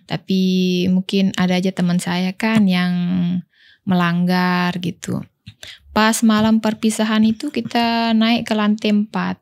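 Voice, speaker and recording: Woman from Lombok, Indonesia, guest storyteller, casual chat, quotes friends in lively retelling, mid-pitched voice. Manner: animated retelling, quoting friends' words. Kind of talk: casual ghost-story telling.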